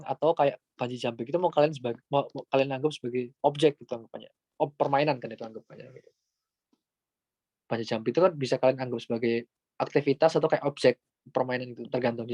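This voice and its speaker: A man talks through a language lesson in a loose, friendly, filler-heavy way. His voice sits in an ordinary middle pitch. The sound is dry and close, with no room around it. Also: darkish tone, no room sound. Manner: chatty, informal, many fillers like "gitu". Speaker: Japanese language tutor. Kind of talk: casual online lesson.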